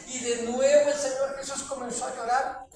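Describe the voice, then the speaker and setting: A woman preacher delivers a dramatic testimony, checking in with the audience and repeating phrases for weight. Her voice stays on a flat, narrow pitch. It is picked up from far off in a large hall with heavy echo. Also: normal speed, a crowd in the background. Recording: very echoey from far off.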